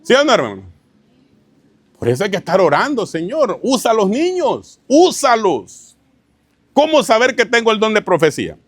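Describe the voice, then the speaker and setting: A man with a fairly high voice preaches a teaching sermon to his congregation. He keeps checking whether they follow him and calls them brother. He tells stories in an easy, informal way. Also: huge pitch swings, normal speed, long pauses, no room sound. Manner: keeps asking the congregation rhetorical questions, addresses them as "hermano". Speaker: pastor.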